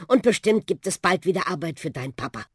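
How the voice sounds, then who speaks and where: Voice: mid-range voice, animated, fairly quick, breathy edge, dry recording, studio quality. A reader voicing a cheerful, bold young boy in a children's audiobook, eager and friendly. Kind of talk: audiobook role voice.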